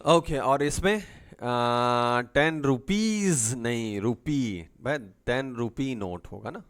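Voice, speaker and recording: A man teaching English grammar, reading each example sentence slowly in Indian-accented English and explaining in Hindi, checking in with "है ना". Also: medium pitch, lively intonation, clean tone. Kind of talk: bilingual grammar lesson.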